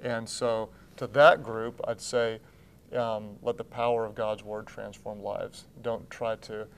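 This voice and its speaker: A man's voice: on the low side, flat delivery, slow pace, smooth. A man in his thirties, a pastor speaking as a TV interview guest in a studio, earnest and often restarting his sentences. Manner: earnest, gestures with both hands, many restarts. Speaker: pastor and church founder. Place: TV studio set with blue drapes.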